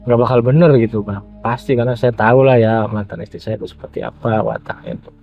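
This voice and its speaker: A man's voice: on the low side, fast, vocal fry. Indonesian man storytelling over music, dull audio. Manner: animated retelling with acted-out quotes. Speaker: guest telling his own story. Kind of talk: casual personal storytelling.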